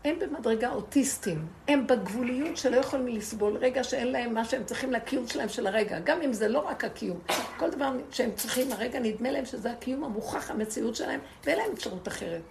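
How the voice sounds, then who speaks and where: A woman's voice: fairly high pitch, vocal fry, background noise. A woman giving an impassioned spiritual lesson to a group, asking rhetorical questions and repeating words for emphasis. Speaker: Torah teacher.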